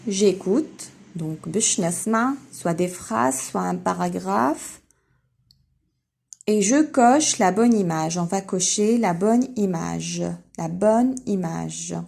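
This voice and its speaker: A woman with a Tunisian accent teaches a French lesson to young children. Her voice has a gravelly edge and sits at an ordinary middle pitch. She calls out single words slowly and loudly, then hurries through her explanations. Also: expressive. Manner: switches between slow, emphatic French words and quick Arabic explanations; spells out syllables slowly and loudly. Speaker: primary school teacher.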